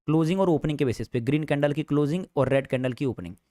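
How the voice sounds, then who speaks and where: A man's voice: a little high, quick pace, warm tone, no echo, clean studio sound. A man teaching a live trading class in a chatty, teasing way, repeating each point. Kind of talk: casual live class lecture.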